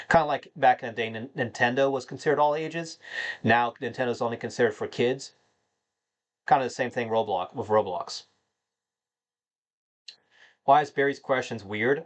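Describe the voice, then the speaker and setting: A man in his thirties from North Carolina, in the United States, hosts a livestream and casually answers viewer questions in a fairly low voice. He rambles, leans heavily on fillers, and calls the chat "man."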